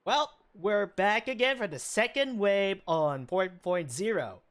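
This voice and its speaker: A man streaming his game rolls in casual commentary, halting and rambling between excited bursts, with a morning voice. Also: high voice. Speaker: gaming streamer. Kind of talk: casual gacha-roll commentary.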